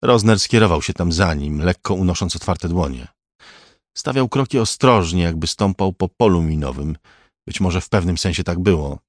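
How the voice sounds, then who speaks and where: Man, very low voice, audiobook thriller narration, measured reading, dry close sound. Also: animated, no echo.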